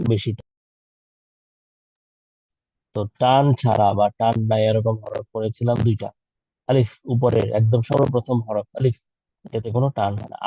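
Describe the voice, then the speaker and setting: A man's voice: medium pitch, dark tone, no echo, dull audio. A man teaching children in an online class, patiently drawing out and repeating letter sounds for them to copy. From Bangladesh.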